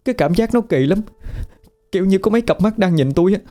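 A man voicing a panicked middle-aged woman who stammers and rushes her words in a ghost story. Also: high-pitched, lively intonation, mellow, voice pushed up. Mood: frightened stammering. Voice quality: stammering, breathless rushing speech.

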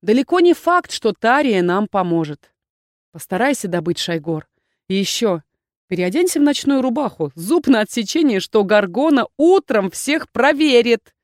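A woman voicing an urgent, earnest female ally giving hurried advice. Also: fairly high pitch, big pitch swings, no echo, studio quality.

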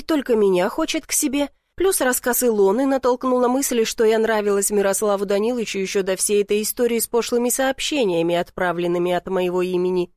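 A woman's voice: on the high side, dry recording, clean studio sound. A woman narrating a novel in first person, with a vivid, emotionally charged reading. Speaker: audiobook narrator.

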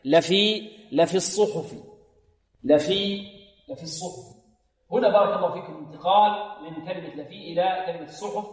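A man teaching Quran recitation, patiently repeating sounds for his students to copy and chanting short examples. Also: sits high. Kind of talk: tajweed lesson with chanted demonstrations. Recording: long reverb, religious radio broadcast.

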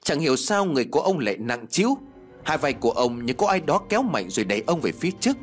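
A man reading a ghost story aloud as narrator, in a steady, expressive way. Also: mid-range voice, fast talker, soft background music.

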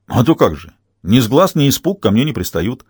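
A man playing a stubborn, steady soldier, calm and plain-spoken, in his own mid-range voice with a lively lilt. Dry, close storybook reading. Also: medium pitch, fairly quick, breathy edge, no echo.

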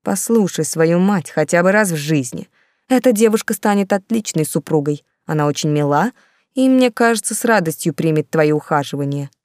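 A woman's voice: low voice, animated, normal speed, darkish tone, no echo, clean studio sound. A woman reading the part of a domineering, scheming older countess who hisses her commands. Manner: hissing, commanding.

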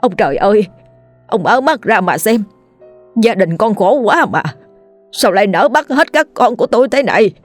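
A woman's voice: medium pitch, slow pace, pauses often, soft background music. A woman voicing an old father crying out in grief and rage at the ghosts who killed his children. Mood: anguished. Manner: wailing, shouting accusations.

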